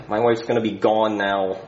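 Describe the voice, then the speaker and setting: A man's voice: on the low side, highs cut off, noisy background, pitched below the performer's own voice. Man playing a jealous, blustering older husband. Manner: blustering, stammering. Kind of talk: comedy sketch character voice.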